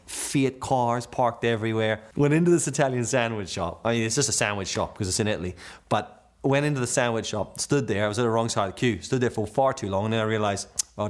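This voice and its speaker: A man's voice: medium pitch, slight background noise. A young man telling travel stories casually, swearing freely and chuckling as he goes. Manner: laid-back, swears freely, chuckles through anecdotes. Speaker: travel vlogger.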